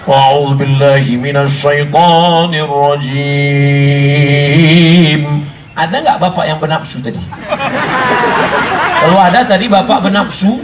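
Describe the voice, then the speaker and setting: Male preacher, high voice, playful storytelling sermon, distant roomy live recording with crowd noise. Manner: jokey storytelling, acts out voices and sings snatches of songs. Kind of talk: humorous sermon to a live congregation. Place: large hall with congregation. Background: congregation laughing.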